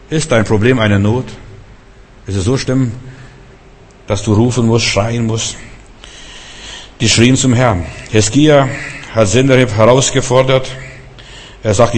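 A male preacher delivers an emphatic sermon, hammering points through repetition and climbing into fervent shouts. His middle-pitched voice carries a long reverb from a church hall.

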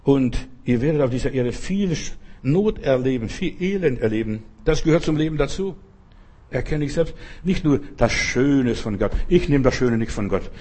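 Husky preacher guy, emphatic, keeps repeating stuff, talks right at you. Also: mid-range voice, lively intonation, moderate pace, darkish tone. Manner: emphatic, repeats phrases, addresses listener as du. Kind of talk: sermon.

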